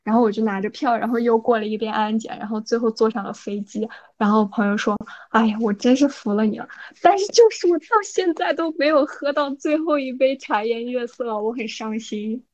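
A woman co-hosting a podcast, telling a story in a casual, animated way and often checking in with her listener. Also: on the high side, a little fast, hardly any pauses, muffled recording. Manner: animated, frequent "你知道吧" asides. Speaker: podcast co-host.

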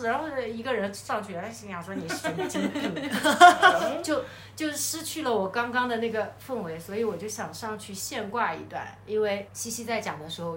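Woman co-host, lively storyteller with frequent laughter, bright and slightly high voice, echoey room. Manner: animated, laughs often while telling a story. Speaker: podcast co-host. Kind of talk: casual chat, storytelling. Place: hotel room. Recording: echoey room, faint background noise.

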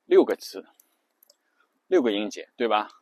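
A man hosting an English lesson podcast, explaining patiently and repeating example phrases slowly. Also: on the low side, wildly swooping pitch, creaky, darkish tone, breathy edge, dry recording. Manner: drills English phrases aloud. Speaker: English teacher and podcast host. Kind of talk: spoken lesson on English rhythm.

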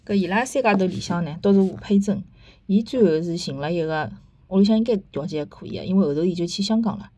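Fast and mellow, this low-voiced woman with a Shanghainese accent chats casually as host of a podcast reviewing books and theatre. She retells and reviews in an opinionated, conversational way, leaning on rhetorical tag questions, though the recording sounds muffled.

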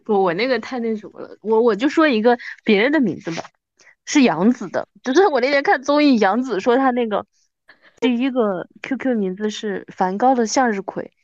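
A woman in her thirties hosts a podcast, chatting casually as if with old friends. Her voice is a little high and brisk, with lively intonation and lo-fi sound. She's self-deprecating and often repeats her words for emphasis.

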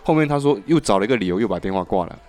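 A man hosting a podcast, telling a story in an animated, casual way with frequent restarts. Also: fairly low pitch, very fast. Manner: animated, laughs and restarts often. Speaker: podcast host.

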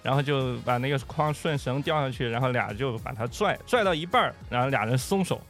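A man casually retelling a childhood folk tale on a podcast, chatty and animated, with many fillers. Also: medium pitch, fairly quick, soft background music. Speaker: podcast host. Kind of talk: casual storytelling chat.

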